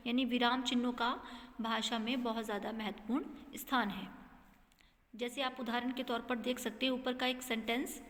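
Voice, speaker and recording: A woman's voice: high voice, fairly bright tone, big-room sound. A woman teacher giving a grammar lesson to students, explaining patiently and checking in often. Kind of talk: classroom lesson.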